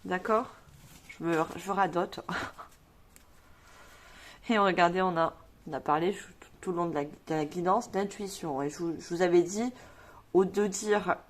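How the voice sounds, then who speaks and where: Woman, tarot reader, rambling delivery with lots of fillers, mid-pitched, everyday voice. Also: normal speed. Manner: rambling, fillers and self-repeats, reads cards aloud. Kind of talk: tarot reading video.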